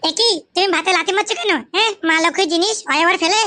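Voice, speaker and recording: A woman's voice: extremely high pitch, rapid-fire, bright, forceful tone, a little hiss or hum. A woman voicing a young wife in a comic cartoon who pleads with her husband in a placating way. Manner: placating, whiny.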